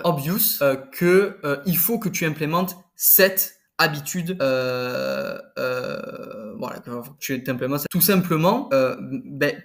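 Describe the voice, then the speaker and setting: Casual young man coaching study habits. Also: fairly high pitch. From France. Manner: informal, many fillers and restarts, addresses viewer as tu. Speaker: prep-school study coach. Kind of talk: casual advice talk to camera.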